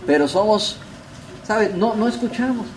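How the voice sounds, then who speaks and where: A man preaching a sermon, asking rhetorical questions and swinging between loud and soft delivery. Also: high-pitched, lively intonation, a little slow, a little hiss or hum, low-quality recording. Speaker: pastor.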